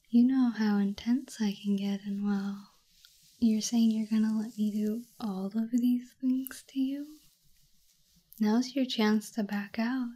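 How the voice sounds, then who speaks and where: A young woman whispering softly and teasingly into a close microphone in an intimate roleplay. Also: a little high. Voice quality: breathy. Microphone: close sensitive mic.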